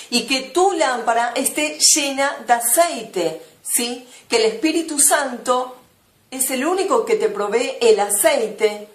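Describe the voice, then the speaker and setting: A woman, earnestly preaching a sermon and slowing down to stress the scripture she reads aloud. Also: on the high side. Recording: echoey room.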